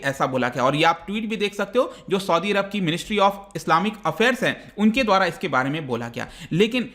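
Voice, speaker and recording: Sharp in tone and high in pitch, this Indian-accented man teaches current affairs online for exam prep, walking through each point conversationally and slipping in English terms.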